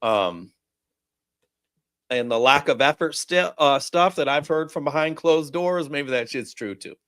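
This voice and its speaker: Man, podcast host, animated, rambling, profane, dry mic. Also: on the high side, a little slow, no room sound. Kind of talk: casual sports chat.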